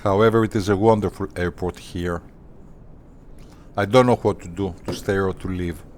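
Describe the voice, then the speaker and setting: A man hosting a flight simulator channel, talking casually in deliberate, formal phrases with hesitant pauses. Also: sits low, fairly even intonation, darkish tone, a little hiss or hum. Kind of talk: casual tutorial commentary.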